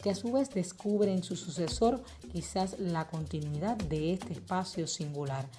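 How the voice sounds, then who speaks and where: Woman, Cuban accent, report narrator, low mellow voice, faint background music. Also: unhurried. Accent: Cuban Spanish. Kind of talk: scripted documentary narration.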